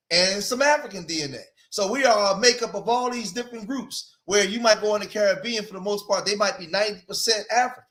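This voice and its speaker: A man's voice: high voice, fairly bright tone. A man in his forties with an East Coast accent hosting a casual commentary livestream. He talks straight to his viewers and repeats phrases to drive his points home. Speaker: livestream host. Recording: echoey room.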